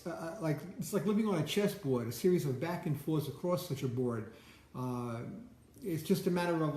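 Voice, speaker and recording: A host with a slightly high, darkish voice delivers a casual motivational monologue that rambles loosely, often stumbling and repeating words as sentences begin. He keeps stopping to greet passersby, and the room sounds echoey and spacious.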